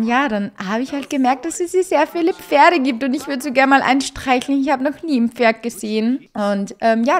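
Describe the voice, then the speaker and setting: A young woman giving bubbly, gushing let's play commentary, dropping to quiet asides. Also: on the high side. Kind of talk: casual game commentary.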